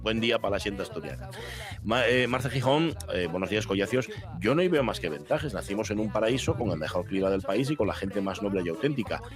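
A male radio host with a lowish voice and an easy, relaxed delivery. He hesitates often with soft fillers and speaks in a casual studio chat. Faint music plays under him. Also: brisk.

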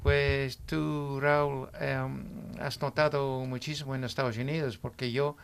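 Gravelly English man speaking halting Spanish. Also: medium pitch, flat delivery, slight background noise. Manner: halting, frequent "¿bien?" checks. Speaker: guest. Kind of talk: casual radio chat.

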